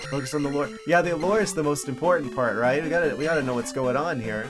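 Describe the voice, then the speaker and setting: A man giving casual live commentary as a game streamer, thinking aloud in a halting way. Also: fairly high pitch. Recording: video game music behind voice. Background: video game music.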